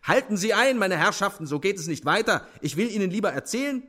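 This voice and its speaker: Brief: a man voicing a scornful young officer for radio drama, pitched high, loud, slightly husky. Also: animated, quick pace, heavily acted. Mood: commanding. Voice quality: haughty, declamatory. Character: arrogant, condescending young male officer.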